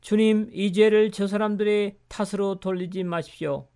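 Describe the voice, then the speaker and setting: A fervent young believer, devout and earnest, as a male reader puts him on. His pleas come out raised and clear, in a smooth voice pitched a little high. It sits in a calm scripture audiobook. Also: moderate pace, lightly acted. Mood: pleading.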